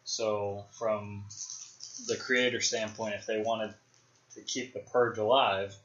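A man's voice: on the low side, little pitch movement, slow pace, fairly bright tone. A young man hosting a podcast, chatting casually about films, rambling and speculating with many fillers. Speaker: podcast host. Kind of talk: casual film discussion. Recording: roomy, dull lo-fi podcast audio.

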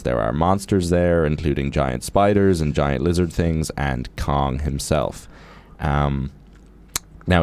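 A man's voice: rumbling low, a little mellow. A man co-hosting a radio show, giving a wry, opinionated, conversational film review. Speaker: radio co-host and film critic.

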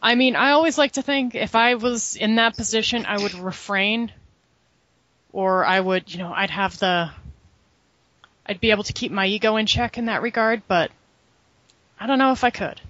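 A woman's voice: medium pitch, fairly even intonation, normal speed, pauses often, fairly bright tone, no echo. A woman talks through a recap in a casual chat, dry and sarcastic in her asides. The sound is close and dead, with a slightly dull, lo-fi quality. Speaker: podcast co-host recapping wrestling.

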